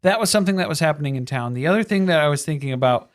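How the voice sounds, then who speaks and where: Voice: mid-range voice, expressive, racing. Wry rambling podcast co-host. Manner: rambling, wry, drifts into side jokes. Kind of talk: casual movie recap chat.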